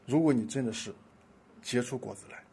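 A man preaching a sermon, telling a story with impassioned swings between loud pleading and hushed asides. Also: mid-range voice, brisk, vocal fry, breathy edge.

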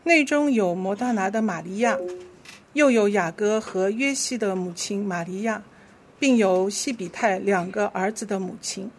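A woman leading a church service, reading scripture aloud verse by verse in a steady, clear voice. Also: mid-range voice, normal speed, a little hiss or hum. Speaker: worship leader.

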